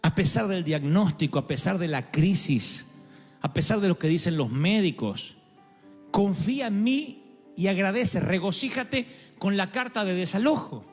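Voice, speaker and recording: A man's voice: high voice, expressive, unhurried. A man preaching a dramatic sermon, acting out quoted voices with humorous asides. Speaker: pastor. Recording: live hall with long reverb, faint music.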